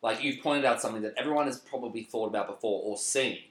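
A young Australian man co-hosting a comedy podcast in casual chat, playful and quick to laugh. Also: medium pitch, a bit bright, roomy sound. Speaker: podcast co-host.

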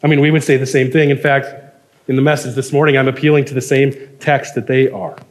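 A man's voice: medium pitch, level tone, quick pace. A man preaching a sermon, earnest and emphatic, reading quotations aloud and building to firm points. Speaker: pastor.

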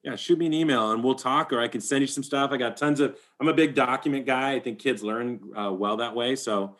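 A middle-aged man, a high school baseball coach, chatting casually on a podcast in an animated, fast way, laughing often.

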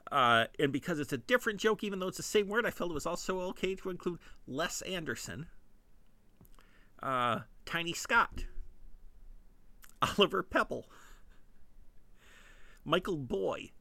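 A man's voice: high voice, lively intonation, moderate pace, vocal fry, pauses often, sharp tone, no room sound. A man with a Midwestern accent, hosting a podcast and telling a casual comedic monologue, often breaking into giggles at his own puns. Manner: giggly, self-amused punning. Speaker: podcast host.

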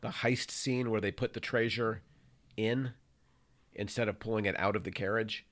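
A man's voice: on the low side, fairly even intonation, normal speed, fairly bright tone. A man co-hosting a casual film review podcast, teasing his partner and laughing often. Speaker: podcast co-host.

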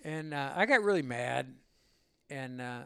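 A man in his seventies from Illinois, a veteran telling a war story in an interview, rambling and animated. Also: medium pitch, measured pace, smooth, dry recording, clean studio sound. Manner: rambling and animated, with laughs and acted-out quotes. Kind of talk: oral-history storytelling.

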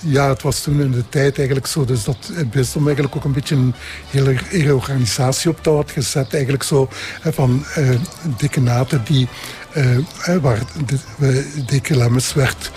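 A man's voice: mid-range voice, steady tone, normal speed, a little mellow, soft background music. An older Belgian man in his seventies with a Limburg accent, speaking hesitantly as a parish priest answering interview questions. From Belgian Limburg, Flanders. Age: 70s. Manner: hesitant, repeats himself.

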